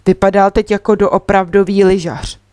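A woman narrating a children's story in the first person, with lively, expressive delivery. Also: medium pitch, clear, resonant tone, no room sound. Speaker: audiobook reader.

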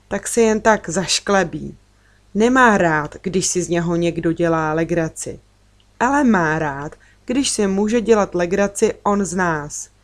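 Female narrator, low-ish voice, gentle children's story reading. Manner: gentle storytelling, lifting her voice for children's lines. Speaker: audiobook reader.

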